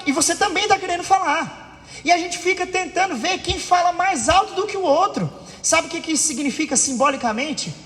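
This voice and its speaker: A man's voice: very high voice, fairly bright tone. A man preaching a sermon in church, acting out family arguments and asking the congregation for agreement. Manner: acts out family quarrels with raised voice. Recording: long reverb of a church hall.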